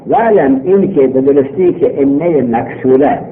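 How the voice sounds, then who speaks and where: A man teaching a grammar lesson, reading a text aloud in drawn-out phrases, explaining it and asking his own questions, on an old worn tape. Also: mid-range voice, expressive. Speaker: teacher in a religious seminary. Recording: old worn tape, muffled narrow band, faint noise.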